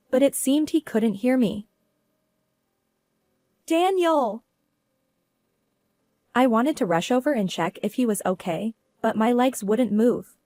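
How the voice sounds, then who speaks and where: A woman telling a first-person story as narrator, in a steady, earnest way. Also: medium pitch, dry recording.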